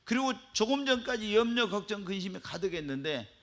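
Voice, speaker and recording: Male pastor, fairly high voice, lively sermon delivery that rises and falls and quizzes the flock. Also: fairly quick. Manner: animated preaching, asks the congregation questions and swings between hushed and loud. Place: church.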